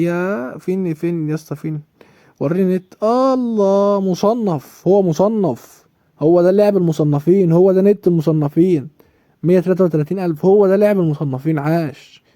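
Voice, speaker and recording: Man, young adult, Egyptian Arabic accent, gameplay commentary, exasperated, repetitive, fast, dry close sound. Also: fairly high pitch, no room sound. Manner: exasperated, shouting at the game, repeating himself. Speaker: gaming YouTuber.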